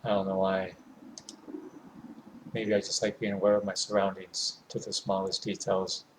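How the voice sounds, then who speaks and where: A lowish-voiced man tells a horror visual novel from his own perspective, keeping his tone very flat and quiet and pausing steadily between phrases. Faint noise lingers behind this home recording.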